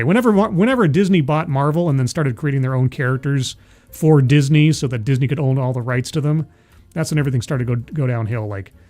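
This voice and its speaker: In a mid-range, slightly mellow voice, a man in his forties hosts a livestream. He chats casually with viewers and the live chat, rambling, self-deprecating and laughing often.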